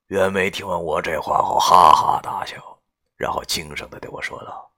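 A man narrating a novel in the first person in a gruff, coarse, swearing manner. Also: sits low, fairly even intonation, moderate pace, pushed and bright. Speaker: audiobook narrator.

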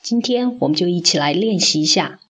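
A woman with a lowish, husky, animated voice teaches English pronunciation through a scripted phonics lesson. She speaks slowly and carefully, demonstrating sounds for the listener to repeat.

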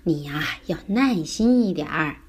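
A woman voicing a patient father who gently warns his son, in a children's story reading. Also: low voice, animated, a little slow, husky, exaggerated voice. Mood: cautioning. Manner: gentle, warning.

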